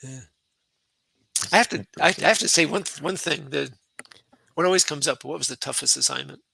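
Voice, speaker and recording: A man in his sixties, a retired colonel, telling lively stories as a podcast guest and acting out quotes with laughs. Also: a little high, a little fast, gravelly, husky, dry recording, rough recording. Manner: animated anecdotes with laughs and acted-out quotes. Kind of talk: conversational war storytelling.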